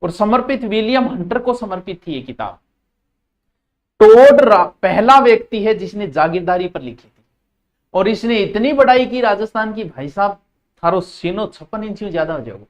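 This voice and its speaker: A man's voice: sits high, expressive, normal speed, muffled recording. A man with a Rajasthani accent teaching a live exam-prep class. He drills key terms by repeating them.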